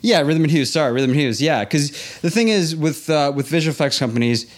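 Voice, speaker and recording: A man born in Los Angeles and raised in Hong Kong, who works in the theme park industry, tells a casual story as an interview guest. His voice is fairly high and brisk, and he animatedly acts out the quoted dialogue.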